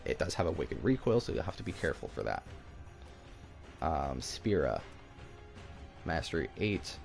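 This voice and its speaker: Deep gravelly young man talking games. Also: sing-song, moderate pace, darkish tone, soft background music. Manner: rambling, stumbles and repeats himself. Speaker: gaming YouTuber. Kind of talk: casual game walkthrough commentary.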